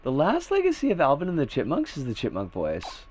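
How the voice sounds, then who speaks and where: A man's voice: on the high side, wildly swooping pitch, fairly quick, a little mellow, breathy edge. A man chatting casually as a game streamer, with a sardonic, rambling, sweary manner. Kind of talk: casual livestream chat and commentary.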